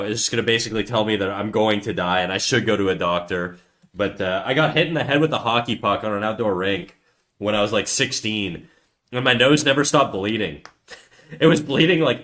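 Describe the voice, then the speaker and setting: This livestreamer's voice is fairly low and a bit bright. As he draws, he chats casually, wandering off topic, swearing freely, mocking himself and often starting his sentences over.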